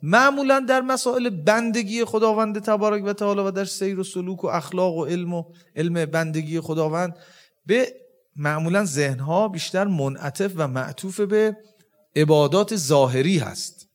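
Man, high voice, religious lecture, explanatory, quotes Arabic verses. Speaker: religious teacher.

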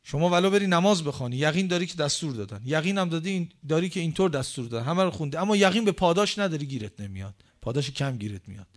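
A man preaching a sermon, full of rhetorical questions, with slow, measured recitation of scripture and strong swings in emphasis. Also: animated. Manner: emphatic swings in pitch and loudness.

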